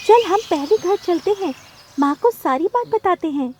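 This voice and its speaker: A woman voicing a small girl sparrow in a cartoon, tearful and pleading in a very high voice. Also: lively intonation, moderate pace, darkish tone, slight background noise. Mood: insistent. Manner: crying, pleading.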